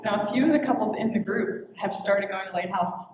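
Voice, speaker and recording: A woman's voice: mid-range voice, fairly quick. A woman guiding a church group meeting, speaking in an encouraging way. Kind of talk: casual church meeting talk. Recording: echoey room from a distant mic with noise.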